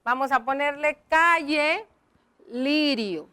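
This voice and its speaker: Woman teacher, high pitch, slow explanatory delivery for young pupils. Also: pushed and bright. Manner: slow, explaining step by step, addressing children. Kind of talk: classroom lesson.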